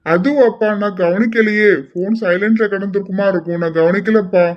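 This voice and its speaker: A man's voice: high-pitched, normal speed, natural voice. [name], a man doing a cheeky young guy. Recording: slightly dull lo-fi audio.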